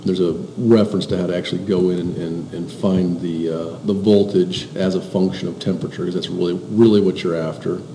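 A male instructor lectures in a classroom, pointing things out on slides and circling back over his words as he explains. His voice is low, gravelly and dark in tone, with a flat delivery. The sound is roomy, with faint hiss behind it. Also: fairly quick, hardly any pauses.

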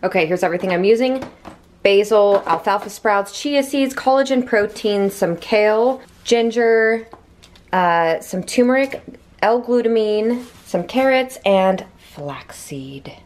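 A woman's voice: mid-range voice, expressive, a little slow, darkish tone, a little hiss or hum, low-quality recording. A woman in her thirties talking straight to viewers in a casual fitness vlog, earnest and emphatic, filming at arm's length. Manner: earnest, emphatic, addresses viewers as "you guys". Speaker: fitness vlogger. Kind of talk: casual vlog talk to camera. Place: apartment and gym. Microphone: handheld camera at arm's length.

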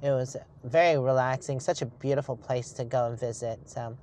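A middle-aged woman who vlogs her RV travels talks casually to the camera from the cab as she drives, musing to herself about the road. She has a low, rumbling, dark-toned voice with fairly even intonation and normal speed, recorded on a dash or handheld camera with road noise behind her.

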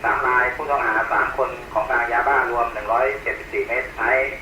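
A man's voice: mid-range voice, steady tone, fast. A man, a police officer, giving terse, clipped coded reports over a walkie-talkie radio in a police roll call. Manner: terse, clipped reports of ranks, numbers and code. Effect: heard over a police walkie-talkie radio. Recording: noisy, echoey two-way radio transmission.

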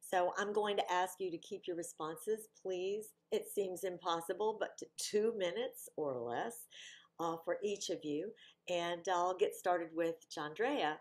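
A woman with a lowish voice moderates a panel over a video call. She speaks in a gracious, measured way as she introduces questions.

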